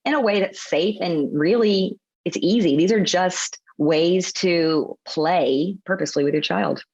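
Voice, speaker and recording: Thirty-something woman pt guest, lowish voice, kinda muffled lo-fi audio, explains stuff at length. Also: measured pace, a little mellow, slightly rough. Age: 30s. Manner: explains methodically in long runs. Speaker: physical therapist guest. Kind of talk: casual interview chat. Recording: dull lo-fi audio.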